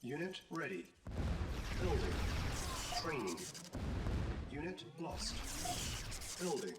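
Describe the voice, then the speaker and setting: A man voicing a calm base computer in a video game, giving clipped status reports. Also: a little high, takes it slowly. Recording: roomy, distant game audio over loud battle noise.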